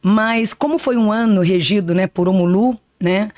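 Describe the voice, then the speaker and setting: A woman's voice: medium pitch, moderate pace, darkish tone, no room sound, clean studio sound. A woman in her fifties, a psychic guest on a podcast, talking in an earnest, reflective way and often tagging "né". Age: 50s. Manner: earnest, reflective, spiritual talk with frequent "né". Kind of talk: podcast interview.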